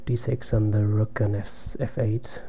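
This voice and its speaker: With a fairly low, creaky voice showing little pitch movement, a soft-spoken German-native man narrates his own online blitz chess game live. His commentary is halting thinking aloud that falls to near-whisper as he calculates, over slight background noise.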